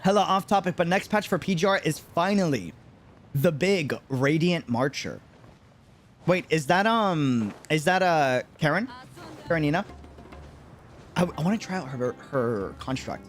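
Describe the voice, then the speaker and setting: A streamer and content creator chats casually and animatedly with his viewers, repeating phrases for emphasis. His voice is a little high with lively intonation and a measured pace, and faint music plays behind him.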